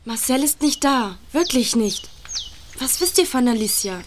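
A woman's voice: fairly high pitch, lively intonation, a little slow, a little hiss or hum. A shy, anxious young woman. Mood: guarded. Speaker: character in a radio drama. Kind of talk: German radio-play acting.

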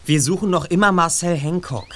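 An actor playing a clever teenage detective in a German radio drama, asking calm, coaxing questions. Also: male voice, on the high side, brisk, close to an everyday voice. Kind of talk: German radio-play acting.

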